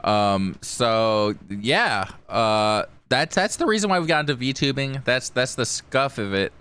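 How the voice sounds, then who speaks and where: A man's voice: mid-range voice, expressive, a little slow, fairly bright tone, smooth. A man hosting a podcast as a streamer, chatting casually in a rambling way peppered with "like". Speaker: podcast host and VTuber streamer. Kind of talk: casual chat.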